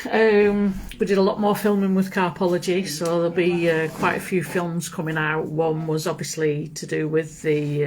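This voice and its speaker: A woman's voice: on the low side, background noise. A woman co-hosting a live stream, chatting in a friendly, easygoing way. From England. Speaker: co-host.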